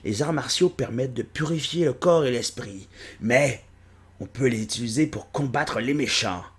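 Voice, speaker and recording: A man's voice: medium pitch, moderate pace, lightly acted. Man playing an old bossy kung-fu master. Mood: commanding. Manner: lecturing, barking orders. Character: old lecherous martial arts master, bossy.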